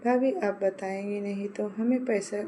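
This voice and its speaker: A woman reading as a gentle young sister-in-law. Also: mid-range voice, steady tone, a little slow, a little hiss or hum, lightly acted. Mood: coaxing. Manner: coaxing, tender.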